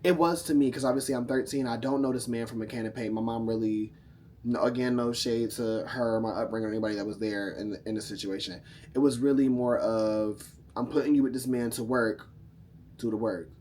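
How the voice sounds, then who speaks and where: A man's voice: medium pitch, steady tone, brisk, darkish tone, a little hiss or hum. A tipsy man telling a casual, profane story to camera, sassy and rambling, often losing his thread. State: drunk, tipsy.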